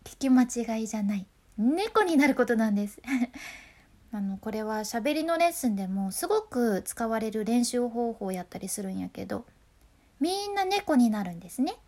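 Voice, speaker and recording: Woman announcer; high, bright, chatty delivery for a casual voice lesson. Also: animated, moderate pace. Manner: chatty and upbeat, laughs often. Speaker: freelance announcer giving voice tips. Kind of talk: casual voice-training talk.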